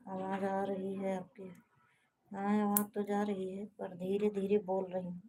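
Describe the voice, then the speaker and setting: A woman casually chatting with viewers on a live stream, speaking softly and hushed from a balcony at home. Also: medium pitch, vocal fry, a little hiss or hum, low-quality recording. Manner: speaks softly and hushed to avoid waking others.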